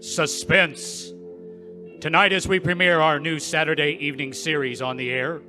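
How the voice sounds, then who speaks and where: A man playing an ominous old-time radio suspense announcer, grave and measured in his dramatic delivery. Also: on the high side, close to an everyday voice. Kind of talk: 1940s radio suspense introduction.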